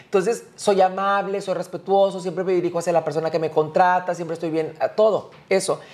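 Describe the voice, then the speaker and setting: Un hombre joven con acento mexicano, conductor de pódcast, que platica de forma expresiva, teatral y con muchas groserías. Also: male voice, sits high, a little fast. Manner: campy, expressive, swears freely. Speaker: podcast host. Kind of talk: casual chat.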